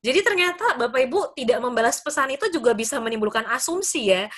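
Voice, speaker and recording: A woman's voice: high voice, lively intonation, quick pace, fairly bright tone. A woman university lecturer giving a webinar talk to teachers, explaining step by step, speaking over a video call. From Indonesia. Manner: explanatory, addresses audience as Bapak Ibu, acts out students' questions.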